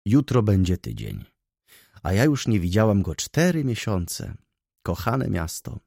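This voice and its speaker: Figure: sharp-tongued young widow voiced by a man. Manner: teasing, imperious, husky. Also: fairly low pitch, big pitch swings, measured pace, no echo, studio quality, full character voice. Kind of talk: audiobook character voice.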